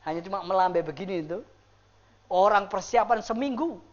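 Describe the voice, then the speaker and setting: High-voiced man preaching animatedly. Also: fairly quick, dull audio. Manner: animated, acts out quoted people with big pitch swings. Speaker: pastor. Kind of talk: sermon. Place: church service.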